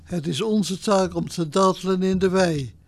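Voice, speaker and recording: A woman's voice: on the low side, normal speed, no echo. A woman voicing a worried, bossy female cow in a children's story, speaking in a raised, exclaiming way. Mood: excited.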